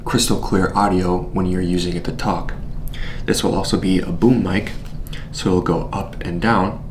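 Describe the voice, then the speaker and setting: A man's voice: low-pitched, moderate pace, background noise. A young man presenting a product in a small studio, seated at a desk and walking through its features one step at a time. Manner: steady, explanatory, walks through features step by step. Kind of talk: scripted product unboxing.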